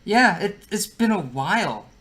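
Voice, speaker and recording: A man's voice: high-pitched, big pitch swings, a little slow, a bit bright. A young man co-hosting a podcast, rambling casually with lots of fillers and swearing. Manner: rambling, filler-heavy, profane. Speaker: podcast co-host. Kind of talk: casual chat.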